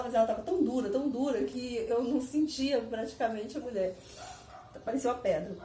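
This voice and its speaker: A woman casually telling her viewers a personal story, animated and repetitive, laughing as she goes. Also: on the high side, slight background noise. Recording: echoey room, mic at a distance.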